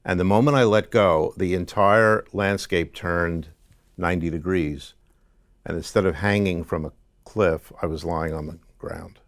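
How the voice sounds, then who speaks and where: A middle-aged man interviewed as a guest, telling his story in a halting conversational way with many restarts. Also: low-pitched, steady tone, no room sound, studio quality. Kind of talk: conversational testimony.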